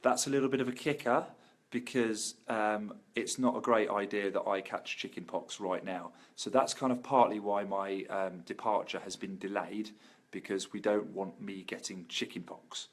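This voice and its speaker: A man's voice: fairly low pitch, fairly even intonation, moderate pace. A man giving a casual, chatty, upbeat video update to friends and followers. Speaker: vlogger.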